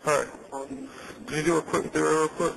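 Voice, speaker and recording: A man in a casual private conversation on a jail phone call, with a creaky voice. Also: a little high, little pitch movement, normal speed. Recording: noisy, clicking jail phone line.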